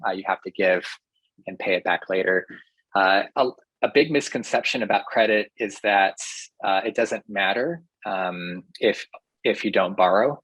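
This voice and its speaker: A man, a professor, explaining ideas to a podcast host in a thoughtful, measured way with occasional fillers. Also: lowish voice, fairly bright tone, slightly rough, no echo, poor audio. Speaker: professor guest. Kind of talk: explanatory interview talk.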